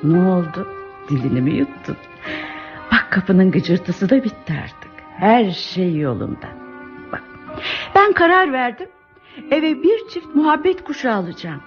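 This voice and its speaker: A woman's voice: medium pitch, sing-song, measured pace. An actress playing a lonely, doting elderly mother in a radio drama, speaking in a motherly, coaxing, insistent way. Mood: chatty, needling. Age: older. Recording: muffled radio play, music behind.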